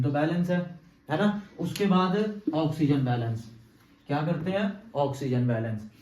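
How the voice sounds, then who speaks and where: Male chemistry teacher, highish mellow voice, asks and answers his own questions, distant muffled echoey room. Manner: quizzes students with constant checks like "clear?". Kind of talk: classroom lecture at a board. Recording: echoey room, distant mic, dull sound.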